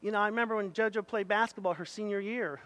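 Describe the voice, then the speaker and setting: A male pastor delivers an impassioned sermon in a church. His voice sits very high and rings bright and forceful. He swings from loud exhortation to low, confiding asides and calls out members of the congregation by name. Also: fast.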